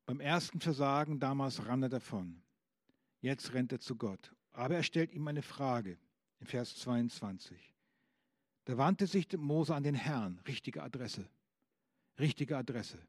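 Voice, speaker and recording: A man's voice: medium pitch, lively intonation, measured pace, a little mellow, no room sound, studio quality. A man preaching a sermon, asking the congregation questions and reading out scripture with emphasis.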